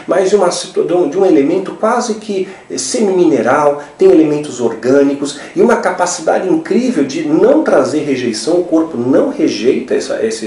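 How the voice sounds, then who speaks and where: A man's voice: a little high, darkish tone. A man gives a religious teaching talk, explaining step by step and often checking in with tag questions. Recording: roomy, from a distance.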